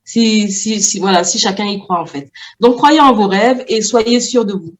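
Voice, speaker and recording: Speaking at a medium pitch, an adult woman from France who writes children's books and is a mother takes interview questions. Her answers are considered, broken up by many pauses and restarts.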